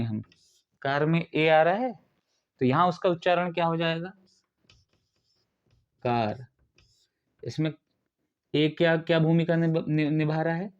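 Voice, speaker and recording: In a lo-fi recording, a male ITI instructor from India speaks in a fairly high, slightly mellow voice. He lectures his class step by step and asks the students questions.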